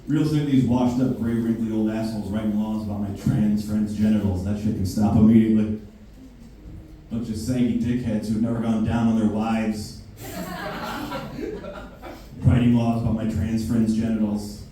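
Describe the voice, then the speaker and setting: A man's voice: lowish voice, flat delivery, moderate pace, long pauses, mellow. A man doing a stand-up comedy set, ranting in a brash, profane manner. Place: basement club room with a live audience. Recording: very echoey basement, mic far off, faint hiss.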